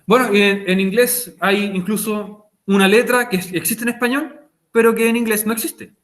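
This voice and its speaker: Guy teacher w a fairly high voice, explains slow and patient, keeps repeating stuff, asks questions then answers them. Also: steady tone, fairly bright tone. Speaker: English teacher. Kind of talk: recorded online class explanation.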